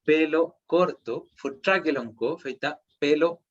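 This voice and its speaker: A man's voice: on the high side, slow pace, muffled recording. A man with a Chilean Spanish accent teaching a language class online, explaining step by step and checking in with students often.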